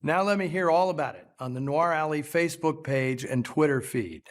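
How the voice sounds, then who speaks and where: A man hosting a film program, delivering scripted commentary in a measured, articulate storytelling way. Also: fairly high pitch. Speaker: film show host.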